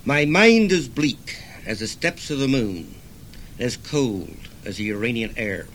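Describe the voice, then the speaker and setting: An older man, a poet, reading his own verse in a measured, solemn recital, with hesitant asides between pieces. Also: medium pitch, animated, fairly bright tone, a little hiss or hum. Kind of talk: poetry reading.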